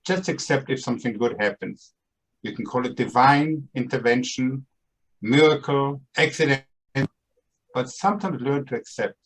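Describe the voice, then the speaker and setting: A man in his seventies, from Austria and Brooklyn, New York, talks through a casual podcast monologue at normal speed. His mid-range voice has a breathy edge and a Brooklyn accent, and he comes across as playful, upbeat and emphatic. It's a low-quality recording.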